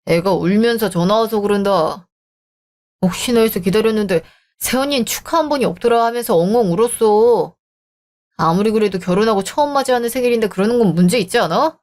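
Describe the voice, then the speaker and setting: A woman's voice: medium pitch, a little fast, darkish tone, natural voice. A woman voicing a selfish, dismissive young married man in a radio drama, talking scornfully. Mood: angry. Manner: scornful, bickering. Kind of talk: Korean radio drama acting.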